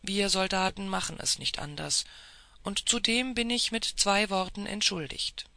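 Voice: mid-range voice, lively intonation, moderate pace, gravelly, pushed and bright, dry recording. A reader playing a proud soldierly count. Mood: polite. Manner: emphatic, raised delivery. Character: proud male officer, forceful and earnest.

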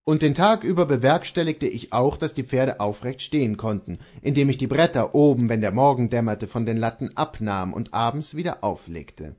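An aggrieved male stable servant tells his master what happened in a storybook reading, voiced by a man. The voice stays close to the reader's own, plain and low-key, with a lively rise and fall. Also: moderate pace, hardly any pauses, natural voice.

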